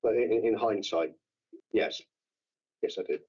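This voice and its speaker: A man answering questions at a formal council hearing, halting and repeating his words as he defends himself. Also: fairly low pitch, a little mellow, husky. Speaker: councillor under investigation. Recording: dull lo-fi meeting room audio.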